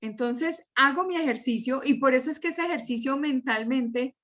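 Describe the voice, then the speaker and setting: A woman's voice: high-pitched, normal speed, fairly bright tone, muffled recording. A woman teacher giving a patient, step-by-step class lecture and repeating examples to her students. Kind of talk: slow, explanatory class lecture.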